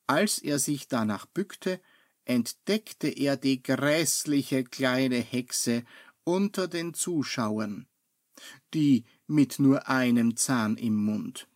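Calm male narrator for a children's audiobook, extremely slow and dry, close sound. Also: mid-range voice, dry recording. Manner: calm, very unhurried storytelling. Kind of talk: children's storybook reading.

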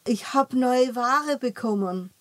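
A woman's voice: fairly high pitch, takes it slowly, no room sound, pitched above the performer's own voice. Kindly old shopkeeper voiced by a woman. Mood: friendly. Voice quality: warm, kindly.

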